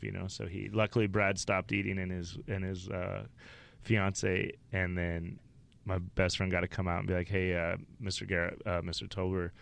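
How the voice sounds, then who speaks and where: A man's voice: deep voice, creaky, fairly bright tone. A man from Wyoming, a stand-up comedian, telling rambling, profane stories as a podcast guest. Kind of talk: casual interview storytelling.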